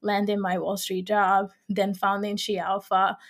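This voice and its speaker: A woman's voice: mid-range voice, little pitch movement, a little slow. A young woman from the Dominican Republic, a company co-founder, talking casually as a guest in an interview, chatty with many fillers. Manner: chatty, frequent fillers, laughs often.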